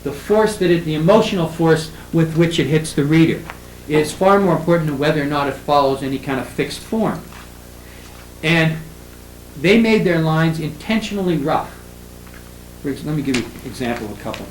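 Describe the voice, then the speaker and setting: A man's voice: a little high, expressive. Older man lecturing in an echoey room. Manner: halting, many fillers and restarts; reads verse lines slowly and with stress. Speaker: literature professor. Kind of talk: classroom lecture. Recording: echoey room with faint ambient noise.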